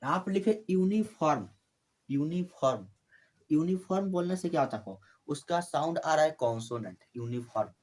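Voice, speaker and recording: A man tutoring English grammar, his voice lively and swinging up and down as he stresses each example. His pitch sits a little high for a man. He repeats key words and talks to viewers as his friends. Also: moderate pace. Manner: repetitive, addresses viewers as friends. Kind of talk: classroom grammar lesson.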